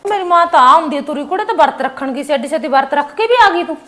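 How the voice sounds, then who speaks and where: A woman talks in a very high voice and at a fast clip. She presses her point over and over and will not let anyone stop her. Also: expressive, a bit bright. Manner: hot-tempered, insistent. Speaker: daughter Sukhi in a family skit. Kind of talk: village family drama acting.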